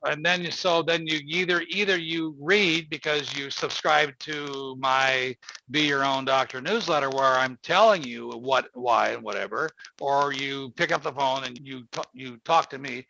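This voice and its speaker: On muffled, faintly noisy lo-fi audio, a host in his 70s leads a casual call-in chat. He's folksy, rambling and emphatic, his medium-pitched voice showing vocal fry with a bright, forceful tone.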